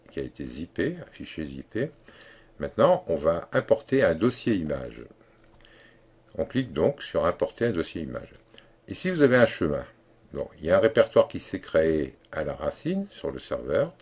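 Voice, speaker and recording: A man giving a screen-recorded software tutorial, explaining step by step in a halting way with many fillers and restarts. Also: very deep voice, husky. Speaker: tutorial instructor.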